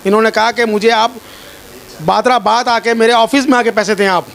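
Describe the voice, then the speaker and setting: A Pakistani man recounts his ordeal to a reporter at a moderate pace, pleading and upset and often repeating himself. His voice sits high, with a steady tone and a creaky, slightly bright quality.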